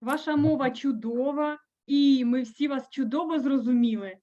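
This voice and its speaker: A woman's voice: high voice, measured pace, warm tone, muffled recording. A woman with a Ukrainian accent formally moderating a conference session.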